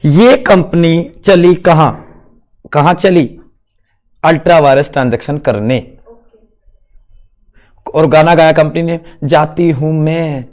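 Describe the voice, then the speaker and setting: A man with a notably high-pitched voice lectures a class of students. He is playful, keeps asking them questions and slips English terms into his explanation. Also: slow pace, long pauses, darkish tone. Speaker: teacher.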